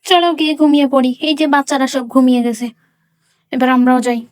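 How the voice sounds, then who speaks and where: A woman's voice: high-pitched, steady tone, fast talker, no echo, clean studio sound, close to an everyday voice. A woman voicing a hardworking, worried village mother in a doll story drama. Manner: worried, emotional.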